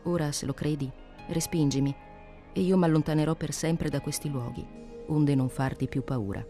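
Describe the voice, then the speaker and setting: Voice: mid-range voice, normal speed, warm tone, soft background music, lightly acted. Un lettore che fa un fiero pirata appassionato. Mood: pleading. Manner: fervent declaiming. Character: passionate proud male pirate chief. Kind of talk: dramatic reading of an adventure novel.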